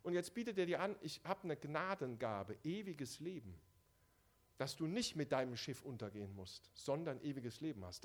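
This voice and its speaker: Addressing his listeners head-on, a man preaches an evangelistic sermon. His voice is a little high and shifts constantly, going soft before surging loud to drive points home.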